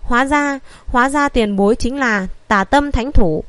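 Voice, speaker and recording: A woman's voice: sits high, normal speed, fairly bright tone, no room sound. A woman reading an audiobook voices an old male physician who begs forgiveness in an overexcited, humble rush. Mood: excited, humble. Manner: breathless, humble pleading.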